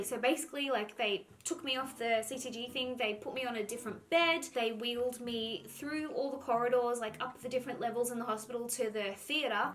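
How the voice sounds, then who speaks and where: A young woman telling a personal story to camera in a chatty, animated way, full of "like". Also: on the high side. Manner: chatty, animated, says "like" a lot. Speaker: vlogger.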